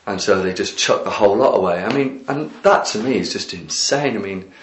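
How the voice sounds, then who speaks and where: A man's voice: fairly low pitch, fairly quick, a little hiss or hum. A man chatting casually in a documentary interview, rambling with lots of "like" and "you know". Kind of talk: casual recounting. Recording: echoey room.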